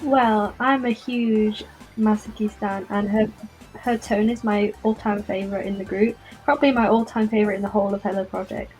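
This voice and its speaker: A woman's voice: medium pitch, steady tone, normal speed, a little mellow, faint music behind, rough recording. A woman guest in a casual group chat, enthusiastic and firm in her opinions.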